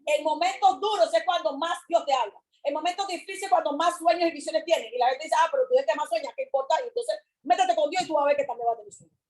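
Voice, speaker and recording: Picture a woman preaching with a high voice. She repeats her lines with fervor and swings between loud calls and hushed words. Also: fast, poor audio. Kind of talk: sermon.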